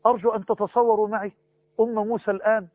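A man's voice: high-pitched, little pitch movement, racing, no echo. A male preacher delivering a rhetorical sermon, quoting and chanting scripture. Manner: rhetorical, chanting Quranic verses and reciting rhymed verse softly. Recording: tinny phone-like radio broadcast.

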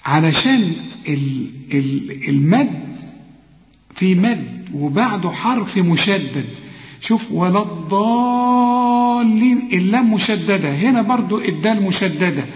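A high-voiced man with an Egyptian accent teaches Quran recitation, moving between slow chanted verses and brisk explanation. He puts questions to his student as he goes. The recording is a dull lo-fi tape with a long, roomy echo. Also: expressive. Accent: Egyptian Arabic. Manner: alternates slow melodic recitation with quick colloquial explanation; addresses the student directly with questions. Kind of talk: tajweed lesson with recitation and explanation.

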